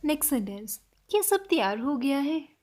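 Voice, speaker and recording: A woman teaching a spoken language lesson, slowly repeating example phrases for learners. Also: sits high, very animated, a little mellow, slight background noise.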